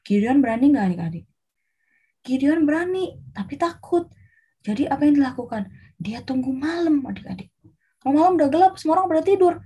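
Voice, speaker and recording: High-voiced woman telling a kids' Bible story. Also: a little fast, pauses often. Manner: lively, animated storytelling. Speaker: children's preacher. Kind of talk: storytelling sermon for children.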